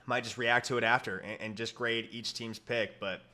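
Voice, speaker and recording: Bright-voiced young man talking football. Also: mid-range voice, fairly even intonation, normal speed. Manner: rambling, self-correcting, lots of fillers. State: hiccups. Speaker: sports YouTuber. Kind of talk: casual mock draft commentary.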